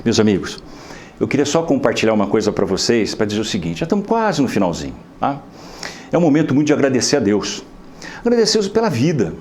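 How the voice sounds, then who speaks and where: A man with a Brazilian Portuguese accent giving an inspirational lecture at a spiritist center, talking in a lively, conversational way full of tag questions. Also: mid-range voice, fast. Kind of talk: inspirational lecture with a humorous story.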